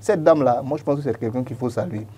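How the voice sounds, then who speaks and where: Fast-talking man with an Ivorian accent. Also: mid-range voice, dark tone. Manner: earnest, repeats words when starting. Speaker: radio co-host. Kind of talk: studio tribute talk. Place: broadcast studio.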